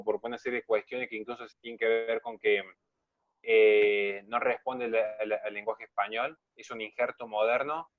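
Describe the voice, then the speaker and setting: A man's voice: medium pitch, no echo. Emphatic man lecturing over a dull call. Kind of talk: online lecture answering questions.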